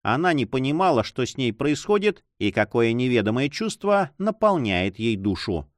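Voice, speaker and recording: Dry, lively-voiced male narrator. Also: mid-range voice, moderate pace, no room sound. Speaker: audiobook narrator. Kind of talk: scripted narration.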